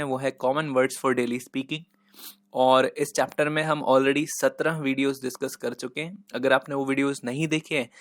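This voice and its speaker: A man's voice: mid-range voice, fairly bright tone, no echo, clean studio sound. A man who teaches vocabulary in Hindi, patiently repeating each word and spelling it out letter by letter. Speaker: English teacher. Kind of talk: Hindi-English vocabulary lesson.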